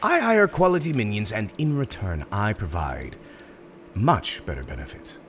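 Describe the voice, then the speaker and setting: In an ASMR roleplay, a man plays an urbane, smug supervillain interviewing a prospective minion, sounding smug and businesslike. His fairly low voice is very animated and moves at normal speed, courteous, theatrical and emphatic, with slight background noise.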